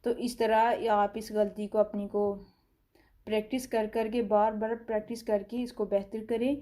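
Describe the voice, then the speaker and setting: Soft, low-key Pakistani Urdu woman teaching. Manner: draws out letter sounds slowly, then explains calmly. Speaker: Quran recitation teacher. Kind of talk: slow step-by-step tajweed lesson.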